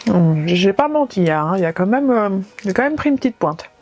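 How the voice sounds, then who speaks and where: A woman's voice: mid-range voice, very animated, a little fast, darkish tone. A woman talking casually to camera as a vlogger, with a wry, playfully dramatic way of speaking. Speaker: vlogger doing a food challenge.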